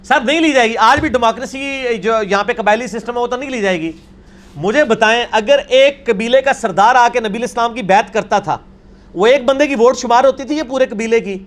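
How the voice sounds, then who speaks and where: Man, high voice, argumentative scholar answering questions in a talk. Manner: emphatic, argumentative, quotes others in put-on voices. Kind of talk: seated Q&A discussion.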